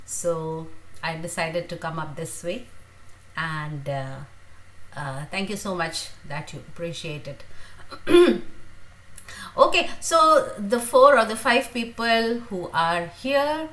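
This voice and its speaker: A woman, hosting a casual livestream Q&A, chatty and grateful, pausing often with fillers. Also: fairly low pitch, expressive, fairly bright tone, rough recording. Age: 50s. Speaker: teacher and livestream host.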